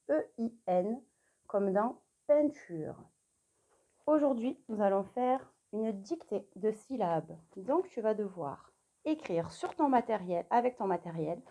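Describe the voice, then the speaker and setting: Teaching spelling remotely to young kids, this young woman, a primary school teacher, dictates clearly and spells each letter individually while cheering the child on. She has a medium-pitched, mellow voice.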